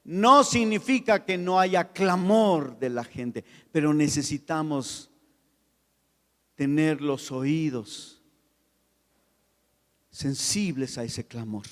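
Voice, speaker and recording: High-voiced preaching man in a reverberant hall. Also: lively intonation, slow, pauses often. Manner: storytelling, shifts from loud preaching to soft anecdote. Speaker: pastor. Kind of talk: sermon. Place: church. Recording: long reverb of a church hall.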